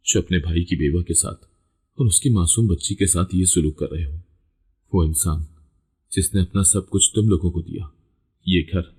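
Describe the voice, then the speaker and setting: A man's voice: sits low, darkish tone, slightly rough. A man voicing a patient, long-suffering widowed mother who stands her ground, read plainly in a storybook reading. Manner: plainly read, barely shifted from narration. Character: patient widowed mother, middle-aged woman, long-suffering but firm.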